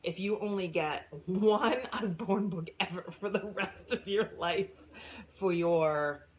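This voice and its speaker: A woman's voice: mid-range voice, slow, low-quality recording. A middle-aged woman gushing over new books in a casual unboxing vlog, squealing and gasping with delight. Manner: gushing, excitable, squeals and gasps. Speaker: book seller and former science teacher.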